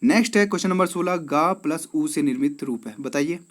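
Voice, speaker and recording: A male teacher with an Uttarakhand accent and a voice that sits a little high for a man. He talks his viewers through quiz answers, calls them friends and keeps asking if they follow. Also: expressive, a little fast. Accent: Uttarakhand Hindi. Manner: addresses viewers as friends, repeats "theek hai". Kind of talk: exam quiz walkthrough.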